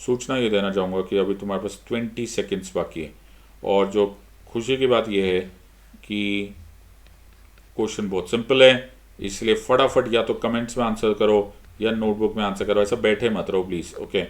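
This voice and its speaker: A man's voice: on the low side, normal speed. A middle-aged Indian man teaching an exam-prep lesson, switching between Hindi and English with an Indian accent and putting questions to himself before he answers them. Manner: lively, mixes Hindi and English, asks and answers his own questions. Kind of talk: online lecture.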